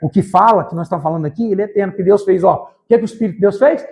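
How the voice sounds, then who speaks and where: Man, preacher, high voice, rapid-fire delivery, fervent church sermon. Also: gravelly. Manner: fervent, emphatic, rising to shouts; talks directly to the congregation. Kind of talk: evangelical sermon.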